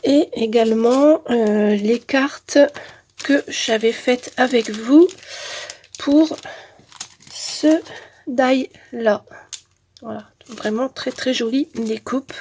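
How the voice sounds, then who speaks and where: A woman's voice: on the high side, extremely slow, pauses often, a little mellow, slight background noise. A woman with a head cold and blocked nose, talking nasally as she casually presents handmade crafts as a channel host. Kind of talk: casual craft showcase narration.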